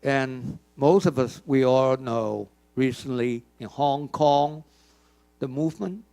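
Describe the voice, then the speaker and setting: An older man with a medium-pitched, gravelly, mellow voice gives a slow conference keynote in a conference hall. He speaks emphatically, quizzes the audience and tends to repeat words.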